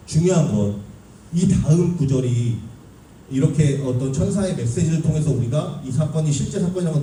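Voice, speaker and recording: A young man preaching a sermon to a youth group, talking in an animated way and putting questions to his listeners. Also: fairly high pitch. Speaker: youth pastor. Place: church hall. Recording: echoey room, mic at a distance, faint hum.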